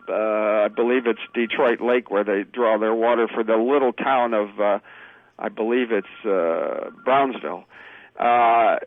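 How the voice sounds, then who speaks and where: A man guest on a radio show, speaking over the phone in an earnest, halting way with many fillers. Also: mid-range voice, no room sound, narrow, tinny audio. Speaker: political candidate guest.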